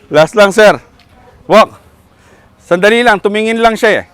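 Calm Filipino man coaching a dog walk. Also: high-pitched, a little slow, smooth, no room sound. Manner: calm, repeats short commands. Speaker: dog trainer.

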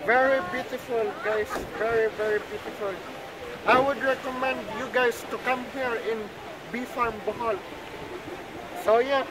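A young man with a Filipino accent, vlogging excitedly to camera by the sea, repeating how beautiful the place is. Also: extremely high pitch, normal speed, poor audio. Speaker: travel vlogger. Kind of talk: casual vlog narration to camera. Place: outdoor seaside deck.

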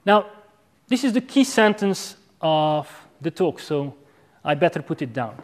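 A man with a fairly high voice lectures on an academic argument. He sounds measured and didactic, setting out each step and checking in briefly as he goes. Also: big pitch swings. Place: university lecture room with chalkboard. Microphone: clip-on lapel microphone.

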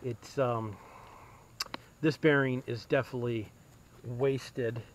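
A DIY mechanic records himself via head-mounted camera while doing a casual repair outdoors in a yard, narrating with fillers and restarts as he thinks aloud. His voice is medium in pitch and a bit bright. There's slight background noise of crickets and insects.

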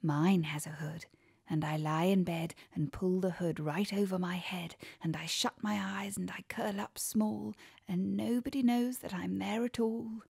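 A woman with an English accent, reading children's poems aloud in a soft, cosy way, sometimes almost whispering. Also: medium pitch, steady tone, unhurried, vocal fry, husky, dry recording, clean studio sound. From England. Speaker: reader. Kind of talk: storybook poetry reading.

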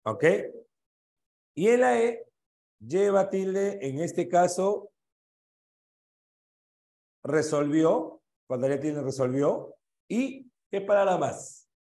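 Slow-talking Peruvian teacher, echoey room. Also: male voice, high-pitched, sing-song, gravelly, dark tone. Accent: Peruvian Spanish. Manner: checks answers item by item, asks students questions. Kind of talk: online exam review class.

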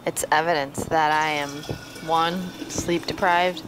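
A woman in her thirties narrating a voice-over with wry, deadpan humor. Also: low-pitched, slow pace. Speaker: vlogger narrating. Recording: background noise.

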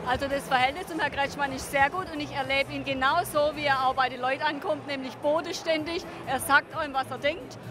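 A woman's voice: high-pitched, fairly even intonation, fairly quick, hardly any pauses. A middle-aged woman politician giving interview answers into a handheld microphone at a festival. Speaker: state parliament member, interview guest. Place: busy festival beer tent. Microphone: handheld reporter microphone held to her. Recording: music and crowd of a beer tent.

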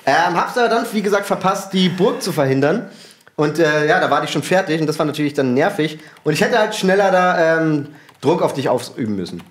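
A man with a slightly high, lively voice talks through his loss in a casual post-game chat. He is reflective and stops to hesitate with small fillers as he sorts his thoughts. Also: a little fast. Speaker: gamer reviewing his loss.

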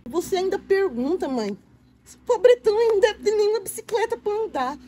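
A woman's voice: extremely high pitch, expressive, brisk, warm tone, a little hiss or hum. A young woman with a Brazilian accent playing a spoiled, scornful girl in an amateur comedy skit. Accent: Brazilian Portuguese. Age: young adult. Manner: haughty, scornful, whiny. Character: spoiled, snobbish young woman chasing wealth.

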